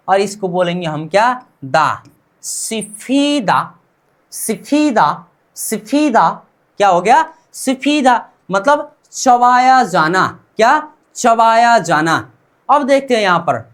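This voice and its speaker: Lady teacher going slow, kinda high voice, repeats stuff over and over, asks then answers. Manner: patient, repeats words many times; asks the class questions and answers them. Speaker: Korean language teacher. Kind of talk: explaining a language lesson.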